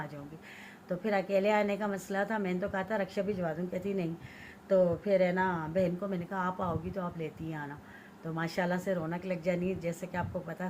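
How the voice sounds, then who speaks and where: Cleaning and chopping vegetables in her home kitchen, a woman from Pakistan talks casually to her vlog viewers and keeps urging them to look. She has a lowish voice with a darkish tone, and there is slight background noise.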